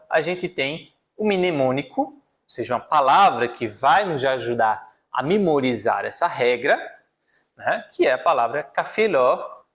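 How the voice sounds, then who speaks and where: A man with a slightly high voice teaches a French pronunciation lesson. He explains each rule step by step, writing on a board as he goes. He keeps checking in with his listeners. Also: a bit bright. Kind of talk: online language lesson.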